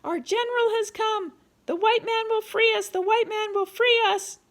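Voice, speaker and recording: A woman voicing a frantic male captive who shouts wildly for rescue. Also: extremely high pitch, steady tone, normal speed, pitched above the performer's own voice. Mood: ecstatic. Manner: shouting, ecstatic.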